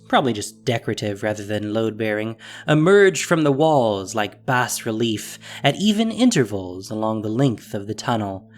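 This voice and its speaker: A narrator with a medium-pitched voice reads a scripted fantasy story, delivering it expressively and descriptively.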